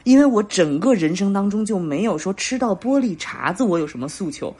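A woman's voice: medium pitch, a little fast, husky. A woman in her thirties co-hosting a podcast, telling stories in casual chat and acting out the dialogue with lots of laughter. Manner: animated, acts out dialogue, laughs often. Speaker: podcast co-host.

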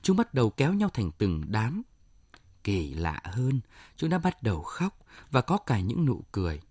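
Expressive, mellow male story reader. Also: mid-range voice, breathy edge, no room sound, clean studio sound. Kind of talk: expressive literary narration. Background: faint music.

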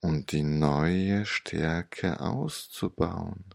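Very slow, deep, gravelly man, sage-like. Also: darkish tone, no echo, studio quality. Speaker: meditation guide and storyteller. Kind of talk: hypnotic guided meditation storytelling.

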